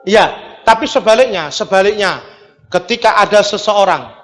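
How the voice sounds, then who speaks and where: High-voiced animated preacher with a Javanese accent. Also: male voice, moderate pace, long reverb tail. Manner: animated storytelling, mimics voices, mixes in local words. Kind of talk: sermon.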